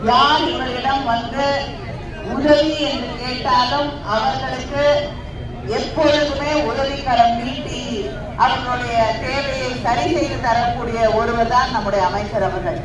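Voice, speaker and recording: A political campaigner with a Tamil Nadu accent giving an oratorical election speech in emphatic, drawn-out phrases to a crowd. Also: high-pitched, steady tone. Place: public campaign rally. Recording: roomy echoing PA, distant, loud crowd and noise.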